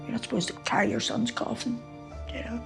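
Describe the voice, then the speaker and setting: A middle-aged woman with a Northern Irish accent, a grieving mother speaking haltingly in a documentary interview. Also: on the high side, gravelly. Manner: grieving, halting, repeats herself. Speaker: mother of a murder victim. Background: music.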